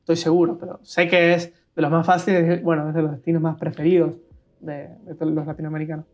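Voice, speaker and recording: A man with an Argentine accent talks quickly in a casual podcast chat, a little higher-pitched than most men. He explains at length, restarting sentences as he goes. The sound is dull and slightly muffled. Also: completely flat delivery, a little mellow, soft background music. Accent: Argentine Spanish. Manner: fast, explanatory, with frequent restarts and fillers. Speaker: podcast co-host.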